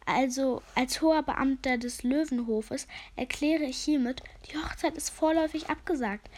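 A woman's voice: sits high, dark tone, pitched above the performer's own voice. A woman voicing a haughty, lazy male lizard who serves as a court official, speaking nasally and condescendingly in a storybook. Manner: condescending, drowsy.

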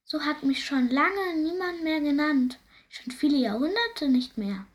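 A woman voicing a sighing, remorseful male ghost of an old squire in a storybook, in a high, plaintive, slow voice. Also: lively intonation. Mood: mournful.

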